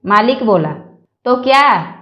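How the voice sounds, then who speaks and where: Woman, joke reader, high voice, slow delivery, echoey room. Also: animated, dull audio. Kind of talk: reading Hindi jokes aloud.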